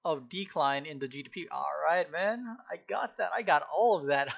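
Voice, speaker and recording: On a live stream, a man studies a textbook and talks to himself in a slightly high, a bit bright voice that is expressive and measured, all at an easy pace. The sound is lo-fi, and he keeps clearing his irritated throat while reciting notes from memory in a laid-back manner.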